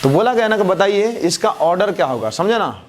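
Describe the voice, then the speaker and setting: A man teaching a math class, who keeps asking questions and answering them himself, his answers dropping low and soft. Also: sing-song, brisk. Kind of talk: classroom lecture with call-and-response questions.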